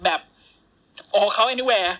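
A woman's voice: mid-range voice, extremely slow, a bit bright. A woman co-hosting a casual wrestling podcast, retelling matches in crude slang and acting out the wrestlers' lines. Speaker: podcast co-host. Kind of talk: casual wrestling recap chat.

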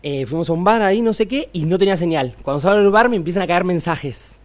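A man's voice: high-pitched, fast talker. Young Argentine man, chatty interview guest. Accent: Argentine Spanish. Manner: rambling, many restarts and fillers. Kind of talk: casual interview chat.

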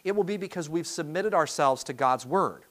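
A man preaching a sermon from the pulpit, earnest and searching for his words, stumbling and restarting often. His voice sits a touch high for a man. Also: lively intonation, a bit bright. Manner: earnest, halting with repeated restarts. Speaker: pastor.

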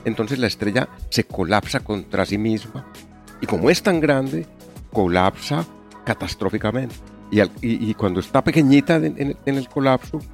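A man with a nasal, honking voice stuffed up by a winter cold, explaining things casually in a podcast conversation. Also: mid-range voice. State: congested with a head cold. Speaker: astronomy science communicator, podcast co-host.

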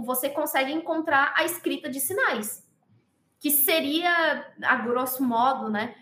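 A woman explaining sign language in a casual conversation, very expressive and animated as she talks. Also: sits high, echoey room, a little hiss or hum.

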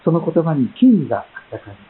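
A man preaching a sermon as pastor, reading scripture and praying in a measured, gentle way with frequent pauses and fillers. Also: on the high side, big pitch swings. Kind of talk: sermon with Bible reading and prayer. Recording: tinny phone-like sound.

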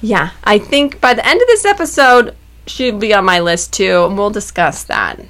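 A woman's voice: medium pitch, lively intonation, moderate pace, a bit bright. A woman co-hosting a casual reality TV recap, opinionated and chatty, often restarting her sentences. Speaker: podcast co-host.

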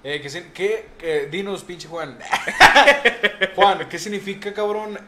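A man's voice: high-pitched, slow pace, pushed and bright, slight background noise. A young man with a Mexican accent from Monterrey, co-hosting a casual podcast chat, cracking crude jokes in constant slang. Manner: crude joking, slangy, says güey constantly. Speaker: podcast co-host. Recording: echoey room.

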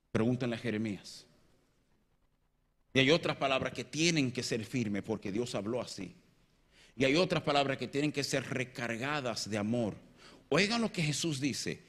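A man preaching a sermon, swinging between loud emphatic peaks and quiet low passages and joking with his congregation. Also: expressive, moderate pace, pauses often. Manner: jokes and banters with the congregation.

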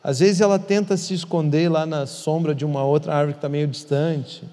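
A man's voice: on the high side, fairly even intonation, moderate pace, warm tone. A man who is a pastor, teaching in an earnest conversational way and repeating words for emphasis. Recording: long hall reverb.

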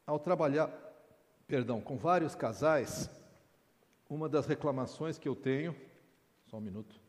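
A man's voice: a little high, moderate pace, darkish tone. A middle-aged man, preaching informally to a men's meeting with candid humorous asides. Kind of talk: conversational sermon. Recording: long reverb in a large hall.

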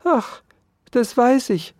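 A storyteller voicing a poor, self-pitying female field mouse who pleads and wails in a very high, strained voice. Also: sing-song, slow pace, a little mellow, no echo, clean studio sound. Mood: wailing.

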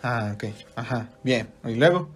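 A man's voice: mid-range voice, animated, measured pace. A young man with a Mexican accent, co-hosting a casual podcast and retelling stories with playful, teasing slang. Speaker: podcast co-host. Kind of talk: casual chat.

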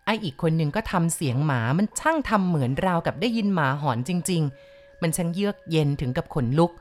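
Slow, low-voiced woman reading a ghost story. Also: animated, darkish tone. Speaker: audiobook reader.

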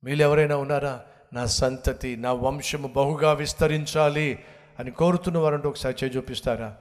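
Middle-aged guy preaching, booms then goes all hushed, mid pitch. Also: fairly even intonation, normal speed. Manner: preaching with sudden loud rises and hushed drops. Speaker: pastor. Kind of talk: sermon.

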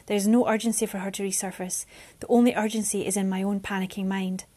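A woman's voice: medium pitch, level tone, quick pace, warm tone, natural voice. A woman reading a storybook aloud and voicing a brave, determined young woman who calls out over a storm. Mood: steadying.

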